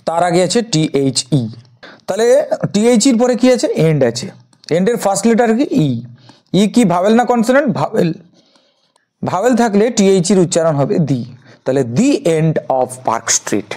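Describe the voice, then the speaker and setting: A woman's voice: fairly low pitch, dark tone. A woman teaching an English grammar lesson, asking questions and answering them herself as she drills her learners. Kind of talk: classroom lesson.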